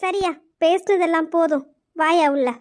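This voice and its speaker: Woman playing a high-voiced old granny, affectionate, shy, gently scolding, web drama. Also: moderate pace. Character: fond, teary old grandmother. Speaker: grandmother character.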